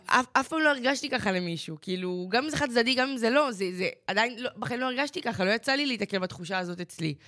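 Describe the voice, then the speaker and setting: A woman's voice: fairly high pitch, few pauses, no room sound, clean studio sound. A teenage girl, a podcast co-host, telling a personal story in casual chat, acting out what people said and filling her talk with "like". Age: teens. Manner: animated storytelling that acts out quoted voices, with lots of "like".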